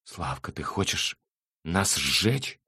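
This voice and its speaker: A man reading an audiobook, voicing a tied-up, injured young man who speaks hoarsely and weakly. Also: extremely low pitch, measured pace, dry recording, exaggerated voice. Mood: weak, pleading.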